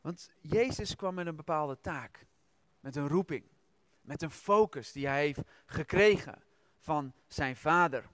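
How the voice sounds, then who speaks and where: Guy preaching, high-ish voice, talks right to you like telling a story, dry sound. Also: measured pace, no echo. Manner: lively storytelling, retells the scripture in his own words; addresses listeners directly with questions. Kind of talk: sermon.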